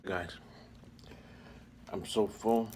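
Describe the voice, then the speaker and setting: Male mukbang host, lowish voice, laid-back chat between bites, easy halting shout-outs. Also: steady tone, slight background noise.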